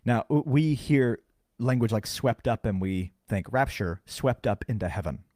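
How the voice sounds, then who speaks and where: A man co-hosting a podcast, carefully explaining scripture in casual chat and slowing down to stress key words. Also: medium pitch, lively intonation, darkish tone, no room sound, clean studio sound. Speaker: podcast co-host. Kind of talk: casual Bible teaching chat.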